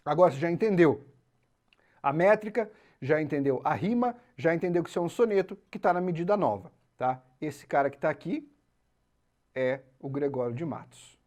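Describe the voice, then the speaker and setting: A man with a Brazilian Portuguese accent teaching literature in a video lesson, animated and checking in with the viewer as he explains. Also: on the high side, moderate pace, long pauses. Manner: animated, talks straight to the viewer, tags lines with "tá?" and "certo?".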